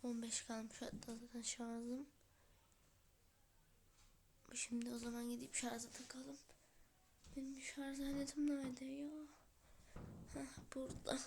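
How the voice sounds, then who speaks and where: A woman with a cold who vlogs from home into her phone. She talks in a hoarse, half-whispered, breathy voice and chats straight to her viewers. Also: a little high, monotone, unhurried, long pauses, darkish tone, a little hiss or hum. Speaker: vlogger. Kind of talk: casual home vlog. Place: at home, indoors. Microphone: phone camera.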